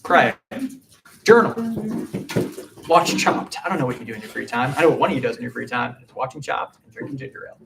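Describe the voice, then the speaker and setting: A man's voice: medium pitch, quick pace, creaky, far from the mic, a crowd in the background. A man preaching a casual midweek sermon, chatty and full of "like" fillers. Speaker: pastor.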